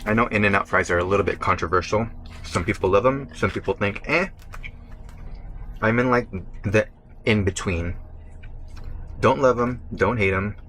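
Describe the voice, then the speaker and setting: Young guy vlogger: low pitch, bright forceful tone, easygoing chatter while eating; faint room noise. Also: normal speed. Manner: chatty, eating between sentences, talking with mouth full. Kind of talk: casual vlog talk to camera while eating. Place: burger restaurant.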